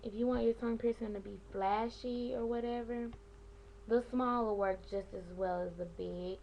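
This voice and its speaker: A young woman vlogger chats casually to the camera about piercing aftercare, her advice slangy, rambling and easily sidetracked. Her voice is fairly high and steady at a moderate pace, with vocal fry. The recording has the highs cut off and background noise.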